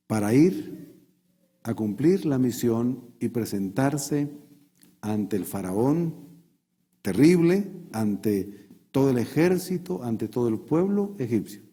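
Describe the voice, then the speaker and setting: Brief: male pastor, animated storytelling sermon, mellow and husky tone. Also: mid-range voice. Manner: animated storytelling, acting out voices.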